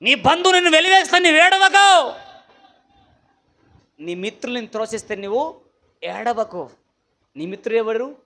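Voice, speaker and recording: A male pastor, singing worship and then preaching with rhetorical questions and sudden loud exclamations. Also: very high-pitched, expressive, normal speed, pauses often. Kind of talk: sung worship and sermon.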